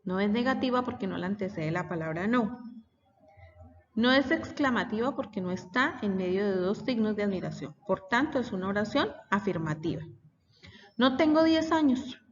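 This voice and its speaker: In this recorded children's classroom lesson, a woman teacher with a medium-pitched, lively voice explains things patiently at a moderate pace and reads example sentences aloud. The mic is distant, and the dull audio carries long reverb and a little hiss or hum.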